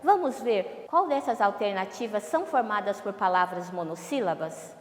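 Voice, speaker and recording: A woman's voice: mid-range voice, animated. A woman teacher giving a televised class lesson, drawing out each syllable and asking questions she then answers herself. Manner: slow, drawn-out syllables, asks questions and answers them. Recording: echoey room with long reverb.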